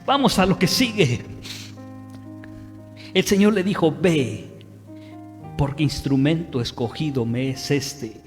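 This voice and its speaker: A man with a Mexican Spanish accent preaching a sermon as pastor, leading the congregation in call-and-response and building to loud exhortation. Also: on the high side, expressive, a little slow, long pauses, big-room sound, soft background music. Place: church sanctuary.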